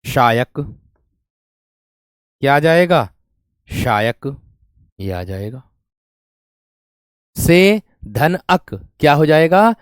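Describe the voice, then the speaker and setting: A man's voice: a little high, big pitch swings, takes it slowly, pauses often, smooth, dry recording, clean studio sound. A man teaching grammar in an online exam-prep class, explaining step by step and repeating each question to his students.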